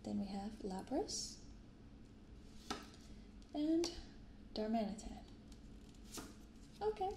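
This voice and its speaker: Her voice sits on the high side and she's very animated, but this young adult YouTube card-opening host still keeps things hushed and unhurried, reading aloud and chatting in a casual ASMR show-and-tell. She's recorded on a close binaural microphone in a roomy space with clear background noise.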